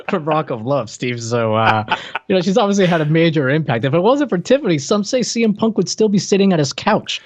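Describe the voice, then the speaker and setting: On a roomy, slightly dull lo-fi recording, a man co-hosting a podcast talks fairly quickly in a higher voice with big pitch swings. He comments casually on a show in a wry, joking way.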